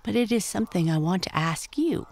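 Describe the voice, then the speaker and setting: A storyteller voicing a timid, curious little dragonfly grub in a bedtime story, speaking politely and quietly. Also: medium pitch, expressive, brisk, voice pushed up. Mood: earnest. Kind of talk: storybook character voice.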